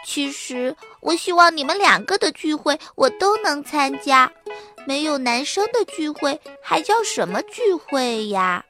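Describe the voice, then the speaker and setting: A woman voicing a helpful, clever young schoolgirl in a children's storybook, in a sweet, high voice. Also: sing-song, measured pace, bright, forceful tone, soft background music, exaggerated voice. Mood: chirpy. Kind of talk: children's audiobook reading.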